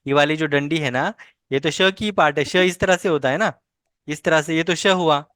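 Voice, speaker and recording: A woman teacher with a low voice runs a patient pronunciation drill. She says each word slowly, repeats it and corrects mistakes. The sound is close and dry. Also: fairly bright tone, no room sound. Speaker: language teacher.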